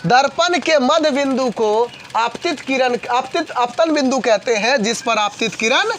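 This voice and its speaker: A man teaching a physics class to students. He talks fast and keeps repeating questions for the class to answer back. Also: extremely high pitch, a bit bright, a little hiss or hum. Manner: fast, repetitive call-and-response questioning.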